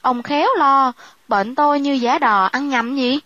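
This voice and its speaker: An anxious, haunted middle-aged wife of a district official speaks in a high, dry voice, as a woman storyteller puts her on. The recording sounds slightly dull and lo-fi. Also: measured pace, bright, forceful tone, dry recording. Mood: brisk. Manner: anxious, fretful.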